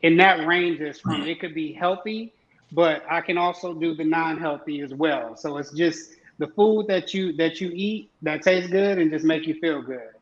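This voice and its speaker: A man talking casually as a guest on an online show, pausing often with ums and uhs. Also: a little high. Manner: hesitant, many ums and uhs. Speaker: guest husband. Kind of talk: casual video-call chat. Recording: roomy, dull lo-fi sound.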